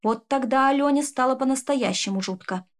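A woman reading a fairy-tale audiobook in an expressive, measured narration. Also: high voice. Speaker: audiobook reader. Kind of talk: storybook narration.

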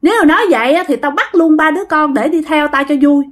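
A woman's voice: high voice, quick pace, voice pushed up, close to an everyday voice. A woman voicing a mocking female ghost that possesses an old woman, taunting and cackling.

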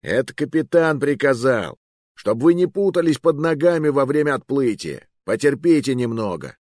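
A man voicing a gruff male sailor guarding a locked door, curtly giving orders in an audiobook. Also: mid-range voice, expressive, normal speed, darkish tone, no echo, studio quality, voice pushed up, close to an everyday voice. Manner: gruff, ordering people about.

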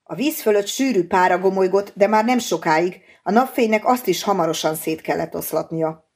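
A woman narrating a novel in a measured, steady audiobook reading. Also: medium pitch, husky.

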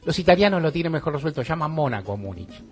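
A man's voice: on the high side, very animated, quick pace, a little mellow, breathy edge, faint music behind. A man hosting a radio talk show in Argentine Spanish, musing in a wry, ironic way and chuckling as he talks. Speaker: radio host. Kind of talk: casual radio monologue.

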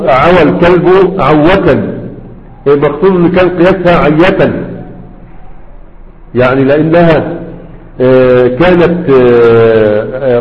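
A man with an Egyptian accent giving a grammar lesson who keeps checking with his students, asking "right?". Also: a little high. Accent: Egyptian Arabic. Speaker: teacher of Arabic grammar. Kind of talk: classroom lecture. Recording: echoey hall, dull lo-fi sound.

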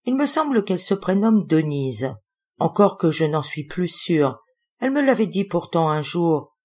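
A woman narrating a first-person story in a calm, measured reading voice. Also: deep voice. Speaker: audiobook reader.

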